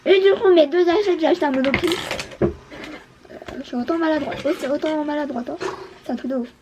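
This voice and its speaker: A woman's voice: high-pitched, fast, noisy background. A woman beauty vlogger chatting casually, hesitant and full of fillers. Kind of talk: casual chat.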